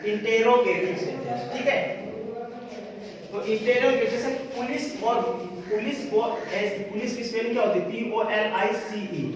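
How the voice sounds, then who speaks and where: Very high-voiced male teacher, echoey. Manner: asks questions and answers them himself, repeats each sentence slowly. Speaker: English grammar teacher. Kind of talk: classroom grammar lesson. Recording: echoey room with long reverb, voice far from the mic.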